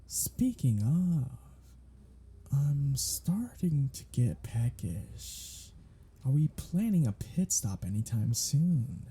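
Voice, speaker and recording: In an ASMR audio drama, a man plays a sardonic, flirtatious male vampire held captive on a road trip. His medium-pitched voice is slow, sing-song, and dark with a breathy edge, exaggerated for teasing banter.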